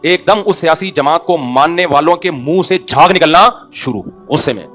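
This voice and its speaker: A man's voice: on the high side, moderate pace, a bit bright, soft background music. A middle-aged male Islamic preacher giving a conversational sermon, telling everyday anecdotes with wry jokes and rhetorical questions to his listeners. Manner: wry, joking asides.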